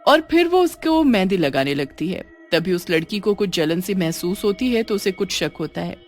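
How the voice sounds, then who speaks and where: A woman narrating an animated horror story in a scripted, dramatic storytelling voice. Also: fairly low pitch, moderate pace. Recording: faint music underneath.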